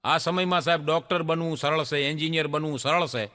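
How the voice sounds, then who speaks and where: A man's voice: on the high side, fast. A man doing stand-up comedy, telling jokes and acting out the dialogue in his stories. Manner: lively storytelling, acts out dialogue. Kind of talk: Gujarati stage joke-telling. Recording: live stage show in a hall.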